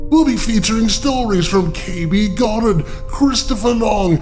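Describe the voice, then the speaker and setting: A man's voice: high-pitched, lively intonation, over music. A man playing a gleeful, creepy old-time librarian. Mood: sinister glee. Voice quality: drawn-out, relishing delivery with mock-menacing laughter. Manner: teasingly addresses listeners as kiddies. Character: creepy theatrical male librarian, gleeful and sinister. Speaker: show host character.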